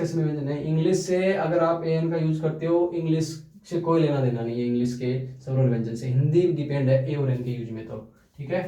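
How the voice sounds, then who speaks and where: A man's voice: on the high side, dark tone. Man teaching, echoey and distant. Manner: repeats questions to students and answers them himself. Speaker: English grammar teacher. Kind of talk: classroom-style grammar lesson. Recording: echoey room, voice from off the mic.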